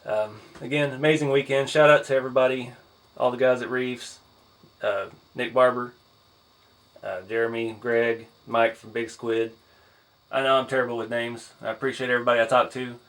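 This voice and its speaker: A tired man who is losing his voice, hosting a casual one-take haul vlog in an easygoing, rambling way with frequent pauses and "uh"s. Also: mid-range voice, steady tone, fairly bright tone. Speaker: hobby channel host.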